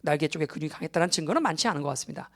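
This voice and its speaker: A man's voice: fairly high pitch, expressive, racing, a bit bright. A man giving a recorded exam-prep English lecture. He explains step by step, keeps checking that students follow, and drops English terms into his Korean.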